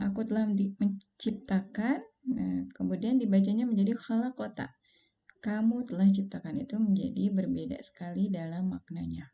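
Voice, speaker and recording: Woman teaching recitation, patient and calm, very mellow dark voice, dull lo-fi audio. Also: mid-range voice, gravelly. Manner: calm, patient explaining, slowed recited examples. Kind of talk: online lesson.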